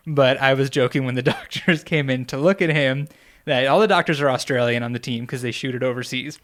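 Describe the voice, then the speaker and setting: A podcast co-host with a mid-range, fairly bright voice speaks briskly as he tells stories in casual chat. His storytelling rambles and is packed with fillers.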